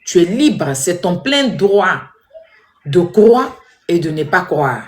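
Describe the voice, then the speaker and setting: A woman giving animated, scolding commentary straight to her viewers. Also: lowish voice, slow. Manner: animated, scolding, repetitive, addresses viewers directly. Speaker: social media commentator. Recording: echoey room.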